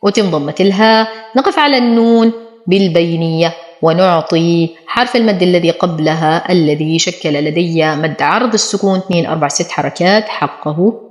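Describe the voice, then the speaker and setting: A woman teaching Quran recitation rules, explaining each letter step by step and then saying the word slowly. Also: lowish voice. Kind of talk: tajweed lesson. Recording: echoey room.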